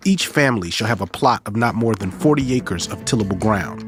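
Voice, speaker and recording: A man's voice: on the low side, expressive, fairly quick, faint music behind. A man co-hosting a podcast, reading scripted narration about history.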